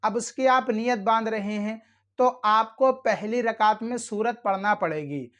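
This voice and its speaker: Man, high-pitched, channel host giving religious how-to instruction; earnest, admonishing, addresses viewers formally. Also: a little slow, fairly bright tone, highs cut off. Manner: earnest, admonishing, repeats warnings. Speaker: channel host teaching prayer rules.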